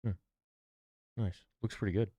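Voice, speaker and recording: A man's voice: normal speed, warm tone, dry recording. A man streaming live, reacting casually and reading chat aloud in a laid-back, slangy way.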